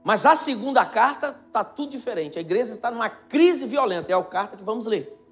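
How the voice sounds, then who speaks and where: A Brazilian man preaching a sermon as pastor, emphatic and repetitive, building to near shouts. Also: very high-pitched, animated, a little fast, soft background music.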